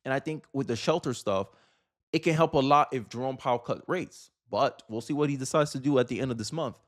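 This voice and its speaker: Speaking at a medium pitch and a little fast, a man hosts a political commentary show. He keeps things casual and full of opinion, restating his points in new words for emphasis.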